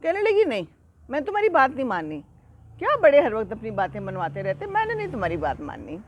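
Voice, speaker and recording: A woman voicing a small, stubborn young goat in a children's story, talking in a high, indignant, childish way. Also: big pitch swings, darkish tone, slight background noise. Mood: defiant.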